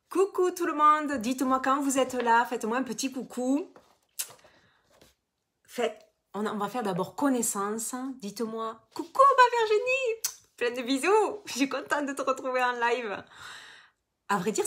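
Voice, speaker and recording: A woman's voice: high voice, fairly bright tone. A woman from Toulouse with a southern French accent, a business coach chatting through a live online masterclass, greeting viewers by name and reading their comments aloud. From Toulouse, southern France.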